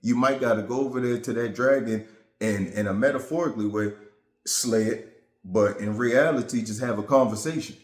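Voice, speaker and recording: In a casual vent to camera, a man vlogs to his viewers about being hurt in a relationship, rambling in an earnest, reflective way. His voice is medium-pitched and moderately paced, in an echoey room.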